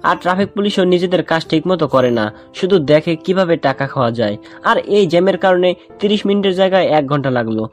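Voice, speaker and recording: A man's voice: on the high side, expressive, fairly quick. A man narrating a first-person romantic story in a chatty way, often speaking to his listeners. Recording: music bed underneath.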